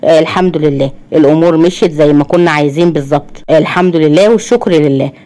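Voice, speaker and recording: Woman voicing a steady Egyptian husband, low-toned. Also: fast talker, lightly acted. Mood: relieved. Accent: Egyptian Arabic. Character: worried, pious husband, grown man, steady.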